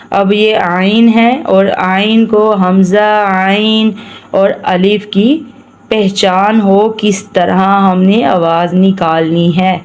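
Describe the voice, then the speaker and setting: A woman's voice: medium pitch, muffled recording. Patient woman teaching Quran recitation. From Pakistan. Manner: slow drawn-out recitation alternating with quick explanation; patient, repeats each word for students. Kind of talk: tajweed recitation lesson.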